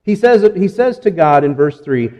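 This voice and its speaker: A man's voice: sits high, big pitch swings, moderate pace, dark tone, long reverb tail. A man preaching a sermon with earnest emphasis, repeating phrases and acting out the quotes he reads. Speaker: pastor.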